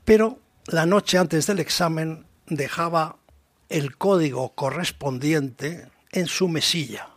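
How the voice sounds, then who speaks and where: A man from presenting a radio section on the paranormal and telling a story in a measured, explanatory way into a studio microphone. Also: on the high side, no echo.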